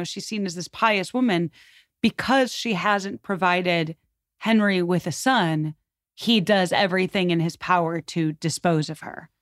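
Rambling and emphatic, a woman speaks at length as a podcast guest in a conversational way, as if relating a historical tale. Her voice is mid-range, captured in studio quality without any room sound.

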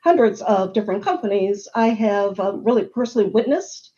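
On a webinar panel about supplier diversity, a middle-aged woman earnestly explains a problem and works through statistics, listing facts and figures. Her medium-pitched, warm voice is lively and fairly quick, though the audio sounds dull.

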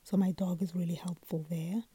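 A sleepy woman hosts her podcast in a low, breathy whisper, with a very dark and mellow tone. She chats casually into a close mic in a dry, dead room, trailing off into ums and restarts as she goes. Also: level tone, moderate pace, no room sound. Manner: speaks mostly in a soft whisper, with many ums and restarts. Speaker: podcast host. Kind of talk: casual solo podcast chat.

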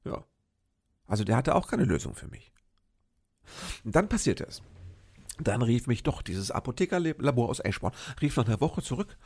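Gravelly older man chatting on a podcast. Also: mid-range voice, very animated, normal speed, long pauses, a little mellow. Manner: chatty, rambling, addresses listeners directly with "ne?". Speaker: podcast host. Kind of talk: casual storytelling monologue.

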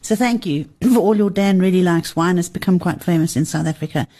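A woman's voice: fairly low pitch, fairly quick, mellow. A middle-aged woman hosting an interview show, chatting playfully and laughing often. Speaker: podcast host.

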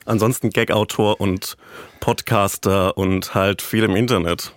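A man's voice: fairly low pitch, fairly even intonation, measured pace, no room sound. A young man from Upper Franconia, a podcast guest speaking plain standard German in a dry, self-deprecating way. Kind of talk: casual interview chat. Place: podcast studio.

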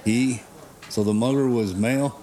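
An actor playing a blunt, skeptical police detective questioning a witness in an audio drama, with a brusque manner. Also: male voice, mid-range voice, fairly even intonation, normal speed, mellow, lightly acted.

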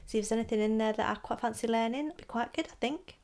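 A woman's voice: a little high, quick pace, creaky, darkish tone. A woman talking casually as the host of a podcast. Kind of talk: casual podcast review and interview.

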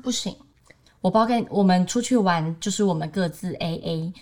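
Her fairly low, darkish voice moves at a normal speed as she tells a story on the podcast she co-hosts. She's a young woman in her twenties with a Taiwanese Mandarin accent, chatting casually and putting on livelier voices when she quotes her friends.

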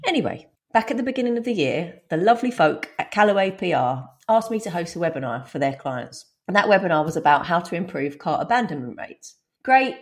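A woman's voice: on the low side, expressive, fast talker, hardly any pauses. A woman with a twangy Essex accent hosting a podcast solo, speaking directly to listeners in an informal, self-deprecating, chatty way. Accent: Essex, England. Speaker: podcast host.

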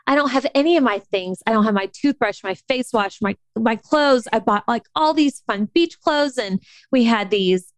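A young adult woman telling a story in a casual, animated chat, with lots of restarts. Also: a little high, normal speed, dry recording. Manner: animated, chatty, many restarts.

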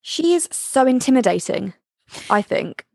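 A woman's voice: high-pitched, a little slow, creaky, no echo. A woman co-hosting a podcast, exclaiming and laughing as she talks over a TV episode. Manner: expressive, exclaiming, laughs often. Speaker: podcast co-host. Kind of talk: casual chat recapping a TV episode.

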